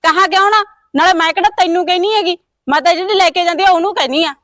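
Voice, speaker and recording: A woman with a Punjabi accent plays a quarrelsome village daughter-in-law, scolding a neighbour in a fast stream. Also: very high-pitched, fairly bright tone, no room sound, studio quality. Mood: bickering. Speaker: actor in a village short film.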